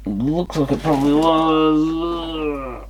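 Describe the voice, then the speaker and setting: Speaking very slowly in a fairly high voice with fairly even intonation, this man mutters to himself and grumbles mildly while inspecting gear. He's an electronics repair vlogger giving offhand commentary in his repair workshop, captured on a clicky, noticeably noisy external camera mic.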